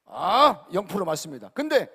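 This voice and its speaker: Emphatic preacher in a reverberant hall. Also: male voice, high-pitched, sing-song, normal speed, gravelly, breathy edge. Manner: emphatic, repeats questions to the congregation; casual spoken Korean, swings between loud and quiet. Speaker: pastor. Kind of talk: sermon. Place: large church sanctuary.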